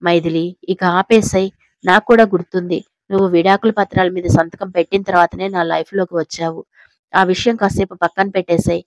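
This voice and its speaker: Brief: blunt, teasing young husband, voiced by a slightly hoarse woman, low and dry. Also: steady tone, brisk, dry recording, lightly acted.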